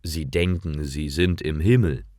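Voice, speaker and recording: Deep-voiced man telling a slow fairy tale. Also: no echo, clean studio sound. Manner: slow, clear, lively storytelling. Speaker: storyteller. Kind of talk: slow fairy-tale narration for German learners.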